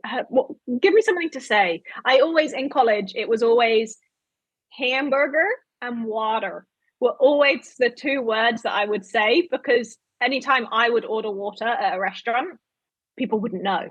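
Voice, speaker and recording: A woman's voice: a little high, normal speed, breathy edge, no echo, muffled recording. A woman guest, a professional bowler, chatting casually and laughing easily in a podcast interview.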